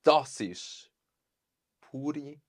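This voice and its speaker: A young man with a Swiss German accent, chatting openly as a podcast guest, expressive and sprinkling in English phrases. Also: medium pitch, extremely slow. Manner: expressive, mixes English phrases, laughs often. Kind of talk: casual chat.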